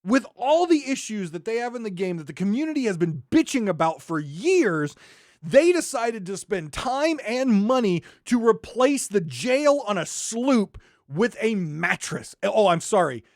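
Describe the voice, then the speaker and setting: A podcast host in full rant, sarcastic and exasperated, talking straight into a microphone. The voice leaps up and down with a very lively pitch. The sound is dry and close, with no room around it. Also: measured pace, no echo. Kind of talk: ranting podcast monologue.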